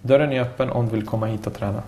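A man in his forties with a middle-pitched voice tells stories in a relaxed interview. He is talkative and animated, often restarting his sentences as he goes. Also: slight background noise. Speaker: former professional footballer, youth coach. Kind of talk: casual interview conversation.

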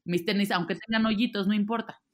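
A woman's voice: mid-range voice, brisk. A woman, a guest talking casually and animatedly in an interview. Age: 30s. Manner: chatty, animated, trailing off and restarting. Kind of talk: casual conversation.

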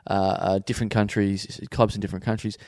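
A man's voice: lowish voice, fairly quick, dry recording, clean studio sound. Laughing, swearing man. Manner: animated, swearing, laughing often. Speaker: podcast co-host. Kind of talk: casual banter.

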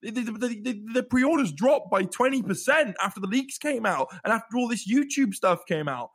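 A man hosting a casual podcast chat, excitable and stammering over his words. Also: very high-pitched, moderate pace, slightly rough.

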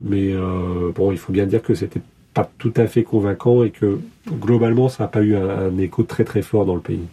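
Husky guy explaining stuff in an interview, lots of uh's and restarts, low-ish voice. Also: fairly even intonation, normal speed, warm tone. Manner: hesitant, many fillers and restarts. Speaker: journalist guest.

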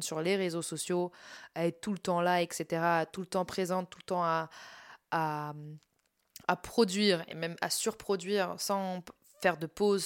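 A young woman with a tired voice, candidly talking through a personal podcast, laughing at herself and trailing off on fillers. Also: fairly low pitch. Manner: candid, self-mocking, laughs through serious points, many fillers and restarts. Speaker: podcast host and content creator. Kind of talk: casual personal podcast monologue.

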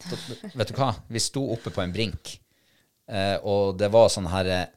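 A man telling a story in casual chat, animated and quoting the people he met. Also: lowish voice, clear, resonant tone. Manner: lively, animated retelling, quoting others. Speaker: dog handler telling a story.

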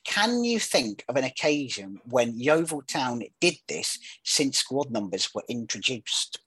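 A man's voice: mid-range voice, big pitch swings, a little slow, fairly bright tone, slightly rough, no echo. A man with a northern English accent chatting casually as host of a football podcast, rambling and self-deprecating.

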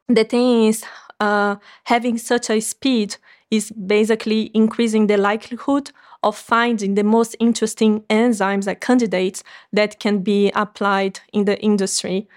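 A woman with as an answers interview questions as a startup founder. Her voice sits at a middle pitch. She talks in an earnest, explanatory way with some fillers. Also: level tone, normal speed.

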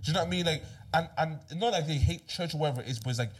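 Young man, slightly husky voice, casual podcast talk, emphatic, repetitive phrasing. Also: on the high side, racing. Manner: emphatic, repetitive, often checking listeners follow. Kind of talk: casual discussion.

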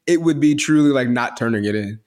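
A man's voice: mid-range voice, brisk, a little mellow. A man with a voice that carries, telling stories on a podcast in a loose, rambling way, full of slang and restarts. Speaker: podcast co-host. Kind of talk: casual podcast chat.

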